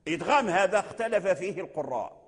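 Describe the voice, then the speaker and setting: A man gives a Quran recitation lesson in a somewhat high voice. He draws out verses and lines of poetry slowly and repeats phrases as he explains. A long hall reverb trails behind every word. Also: animated. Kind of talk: religious lecture.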